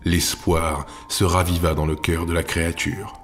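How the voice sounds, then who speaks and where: A man narrating a fantasy audiobook in a measured storytelling manner. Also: low-pitched, flat delivery. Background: faint music.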